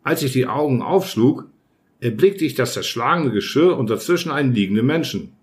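A man narrating a science fiction audiobook in a measured storytelling manner. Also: mid-range voice, lively intonation. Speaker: audiobook reader.

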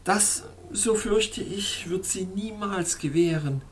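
A woman's voice: on the low side, lively intonation, measured pace. A woman voicing a sorrowful, anxious young fairy princess in a storybook reading, with a pleading, tremulous murmur. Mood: resigned.

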